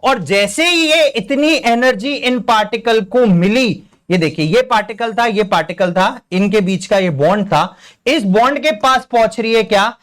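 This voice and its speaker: An Indian man teaching science with a very high-pitched voice. He is playful and theatrical, and he acts out scenes and sound effects to explain ideas. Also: expressive, moderate pace, fairly bright tone. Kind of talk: playful classroom lesson with demonstrations.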